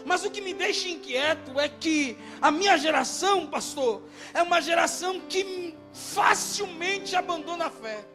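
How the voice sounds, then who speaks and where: A middle-aged man pastor preaching an impassioned sermon in church, swinging from shouted climaxes to hushed, quiet telling. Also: extremely high pitch, lively intonation, unhurried, soft background music. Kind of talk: impassioned Pentecostal-style sermon. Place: church before a congregation.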